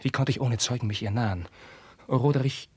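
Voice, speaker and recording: Don Carlos, a tormented young prince. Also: male voice, medium pitch, a little fast, slightly rough, no echo. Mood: anguished. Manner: declamatory verse, swings from hushed whispers to outbursts. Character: young anguished prince, passionate, tormented by forbidden love. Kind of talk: 1950s radio drama acting.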